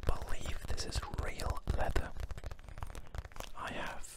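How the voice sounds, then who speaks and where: Whispering ASMR man, unhurried and breathy. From Germany. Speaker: ASMR content creator. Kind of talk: whispered ASMR, rambling casual talk.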